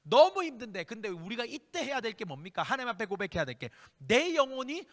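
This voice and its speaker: A man's voice: extremely high pitch, very animated, fairly quick, fairly bright tone. A man preaching a youth sermon and leading prayer, impassioned and emphatic, repeating key phrases. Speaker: youth group pastor. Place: church worship hall. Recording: long church-hall reverb.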